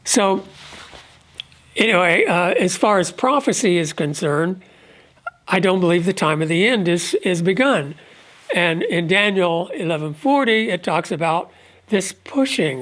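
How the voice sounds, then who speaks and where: A man with a head cold speaks in a stuffed-up voice that sits high and a bit bright. He gives an unscripted monologue on prophecy as religious commentary, his delivery measured and halting with frequent pauses.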